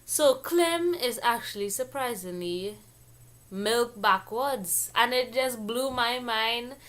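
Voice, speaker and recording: A woman from Trinidad with a Caribbean Trinidadian accent, explaining things casually like a vlog host in a playful, jokey, expressive way. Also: fairly high pitch, takes it slowly.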